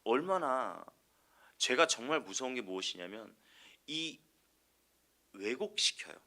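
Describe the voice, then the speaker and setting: A man's voice: medium pitch, very animated, a little slow, sharp tone. A male evangelist preaching an earnest sermon, posing rhetorical questions to the congregation and answering them himself.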